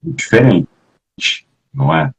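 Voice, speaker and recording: A man talks as a guest in a relaxed, chatty way, often dropping casual fillers. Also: medium pitch, slow pace, creaky, slightly rough, poor audio. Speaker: guest actor. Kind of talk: casual conversation.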